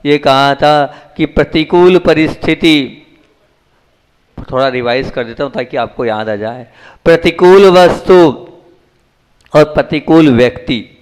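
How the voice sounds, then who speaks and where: A man's voice: unhurried, long pauses, smooth. A man giving a spiritual sermon as a monk, putting questions to his listeners and then answering them. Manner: asks the audience questions and answers them himself; acts out dialogue in a story with shifting pitch. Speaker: Jain monk giving a discourse.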